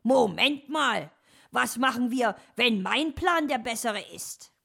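A woman voicing a nosy, scheming female magpie in a storybook, shrill and teasing. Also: big pitch swings, slow pace, full character voice. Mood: eager.

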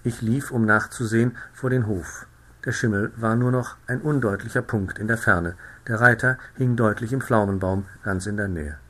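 Male audiobook narrator, bright tone, lively classic storytelling. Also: on the low side, normal speed. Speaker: audiobook reader.

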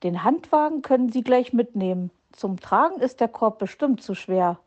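A woman's voice: a little high, lively intonation, moderate pace, a little mellow, lo-fi sound. A woman voicing a caring but strict mother hedgehog who snuffles as she talks, in a storybook reading. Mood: fussy. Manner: snuffles "Nuff Nuff", scolds.

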